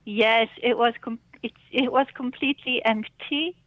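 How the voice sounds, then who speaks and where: A middle-aged woman calling in over the phone, talking in a hesitant, halting way and laughing often. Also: a little high, fairly even intonation, fairly bright tone, no echo. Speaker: caller. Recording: dull phone line, dry.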